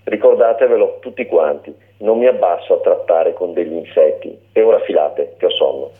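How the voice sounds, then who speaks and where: A man's voice: low-pitched, normal speed, lightly acted. A man voicing a rude, mocking male dog who taunts everyone, heard over a narrow phone-like line. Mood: sneering. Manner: sneering and taunting.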